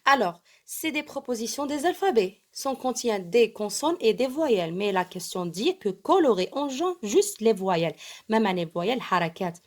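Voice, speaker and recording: Woman teacher; slow, emphatic, bilingual explainer for young pupils. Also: a little high, big pitch swings. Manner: slow, emphatic letter-by-letter explaining, switching to Arabic. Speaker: primary school French teacher. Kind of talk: bilingual lesson explaining an exam.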